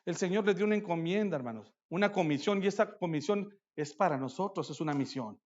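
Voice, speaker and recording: Fervent high-voiced man preaching a sermon. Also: expressive, a little fast, muffled recording. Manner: addresses listeners as brothers, swings between loud declarations and low asides. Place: church conference hall.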